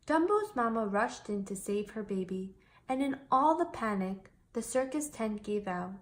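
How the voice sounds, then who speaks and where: This is a woman giving a lively, storyteller's reading of a picture book for kids. Her pitch is mid-range and her tempo moderate.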